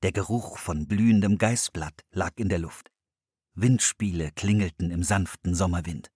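A man reading a children's story aloud in an expressive storytelling manner. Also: low-pitched, slightly rough, dry recording, clean studio sound. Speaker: audiobook narrator. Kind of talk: scripted narration.

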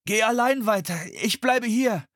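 A man voicing a seasick boy in an audiobook, shouting over wind and waves. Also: extremely high pitch, unhurried, dry recording, clean studio sound, voice pushed up. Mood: urgent shouting. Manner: raised, shouted.

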